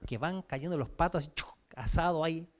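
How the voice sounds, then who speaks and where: A man's voice: fairly high pitch, brisk. A man with a Chilean accent preaching a sermon as pastor in a church service, talking conversationally with everyday examples and questions to the congregation.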